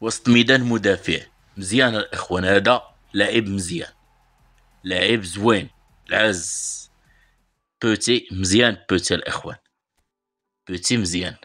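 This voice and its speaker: A man with a Moroccan Arabic accent hosting a mobile football game channel, giving live pack-opening commentary. He talks chattily to viewers as brothers, sighing with pious exclamations between bursts of excitement. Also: low voice, moderate pace, long pauses, soft background music.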